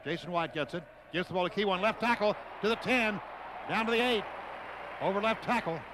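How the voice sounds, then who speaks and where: With a crowd audible behind him, this American radio announcer delivers football play-by-play in brief, clipped bursts. He sounds high-pitched and talks a little fast over the noisy outdoor stadium feed.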